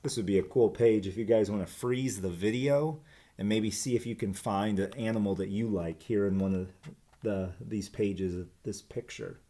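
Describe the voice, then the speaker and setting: A fairly low-pitched male voice at a moderate pace reads a picture book to young children. The speaker, an elementary school teacher, brings expression to the rhymes and chats informally with his young audience.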